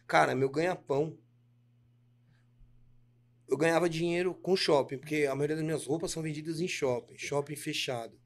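A man's voice: fairly high pitch, steady tone, moderate pace, pauses often. A man with a Brazilian Portuguese accent, a podcast guest who tells his stories in slangy casual chat and acts out the dialogue. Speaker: guest, clothing brand owner.

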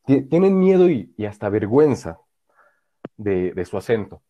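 Bolivian guy, lowish voice, earnest chat host, muffled lo-fi audio. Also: big pitch swings, normal speed, dark tone. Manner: earnest, reflective storytelling with frequent restarts. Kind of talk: casual chat. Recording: dull lo-fi sound.

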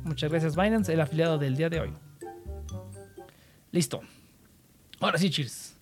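High-voiced Mexican man, lively chat. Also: normal speed, faint music behind. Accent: Mexican Spanish. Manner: animated, slangy, acts out quoted voices. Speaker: podcast co-host. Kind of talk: casual chat.

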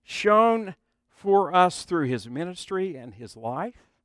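A man's voice: high-pitched, very animated, takes it slowly, no room sound. A middle-aged man preaching a sermon as a pastor, conversational, with asides to the congregation.

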